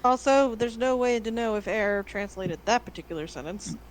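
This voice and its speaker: A woman playing in a tabletop game, cutting in quickly and sounding slightly exasperated. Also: on the high side, rough recording. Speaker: player. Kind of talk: casual tabletop play.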